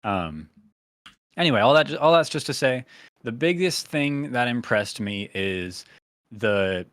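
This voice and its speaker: A man hosting a podcast in casual chat, rambling with lots of fillers and getting animated when he tells a story. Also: mid-range voice, unhurried, no room sound. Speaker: podcast host.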